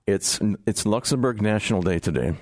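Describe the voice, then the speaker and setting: A man co-hosting morning radio, sharing a fun fact in playful, halting banter. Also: lowish voice, expressive, a little mellow, no room sound. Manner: hesitant, repeats words, playful. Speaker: radio co-host.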